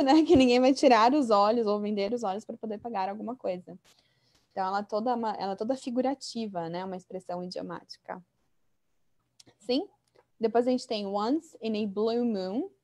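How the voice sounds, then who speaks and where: A woman runs an online English lesson, walking through idioms one after another. She talks in a casual, chatty teaching tone and keeps checking in with her students through quick tag questions. Her voice sits a little high. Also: a little mellow.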